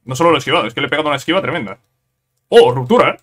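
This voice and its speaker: Bright-voiced gaming commentator man. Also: a little high, rapid-fire. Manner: excitable, repeats words in bursts, tag questions. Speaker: gameplay commentator. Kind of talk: casual let's-play commentary.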